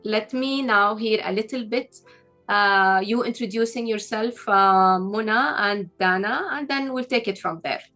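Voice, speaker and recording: A woman's voice: mid-range voice, unhurried, sharp tone, soft background music. A woman hosting an interview, asking probing, encouraging questions. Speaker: host, founder of the travel company.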